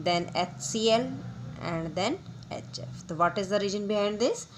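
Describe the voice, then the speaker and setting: Slow-paced woman teaching chemistry. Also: medium pitch. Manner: slow, deliberate, repeats key terms, addresses students as beta. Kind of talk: classroom lecture mixing Hindi and English.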